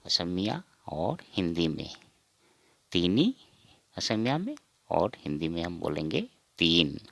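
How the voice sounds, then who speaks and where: Slow, gravelly low-voiced man teaching. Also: very animated, fairly bright tone, dry recording. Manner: repeats each word, asks and answers himself. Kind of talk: slow spoken counting lesson.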